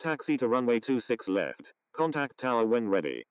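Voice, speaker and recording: A man giving clipped, procedural ground radio calls with callsigns and taxi clearances over an aviation radio. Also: very animated, normal speed, narrow, tinny audio. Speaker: airport ground radio operator. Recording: very noisy, aircraft rumble and outdoor ambience.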